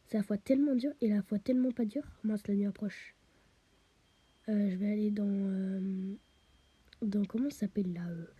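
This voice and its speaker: Playing along as she talks, a woman delivers chatty let's play commentary, her voice medium in pitch, mellow and breathy at the edges. A cold leaves her a little stuffy, and she keeps slipping into a half-whisper with quick interjections. The recording is dry.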